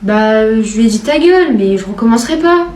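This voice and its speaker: A man voicing a sheepish little schoolgirl who talks slowly and hesitantly. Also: sits high, lively intonation, a little mellow, far from the mic. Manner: hesitant, slow and mumbling. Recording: roomy echo, off-mic.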